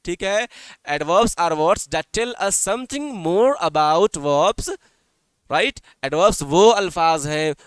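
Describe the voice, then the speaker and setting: Calling his students "beta," a male English teacher leads an online lesson in Hindi-Urdu, frequently repeating points and asking questions. His voice sits high, a bit bright and smooth, recorded at studio quality with no room sound.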